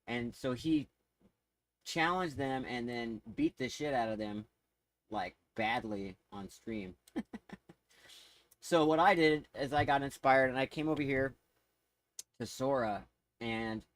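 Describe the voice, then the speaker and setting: Brief: laid-back guy streamer, mid-pitched, wandering off topic, loose unscripted talk. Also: slow pace, long pauses, no room sound, rough recording. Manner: rambling, easily sidetracked, laughs often. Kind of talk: casual livestream chat.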